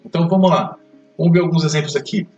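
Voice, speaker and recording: A man teaching an English grammar lesson, explaining step by step and checking in with quick questions. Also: a little high, darkish tone, muffled recording. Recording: echoey room, mic far off, faint music.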